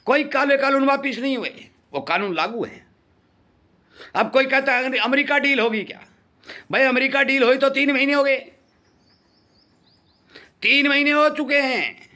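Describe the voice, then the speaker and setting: A middle-aged man speaks to farmers in a high, ringing voice. He warns them in earnest and says his key points twice to drive them home. His tone is bright and forceful. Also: measured pace, pauses often. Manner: earnest, warning, repeats points for emphasis. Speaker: farming channel host. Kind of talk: impassioned commentary to farmers.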